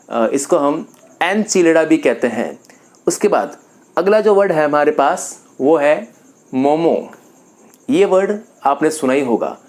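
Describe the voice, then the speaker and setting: A man's voice: a little high, a little mellow. Methodical male English teacher. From Rajasthan, India. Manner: methodical, repeats each word slowly. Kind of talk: vocabulary lesson.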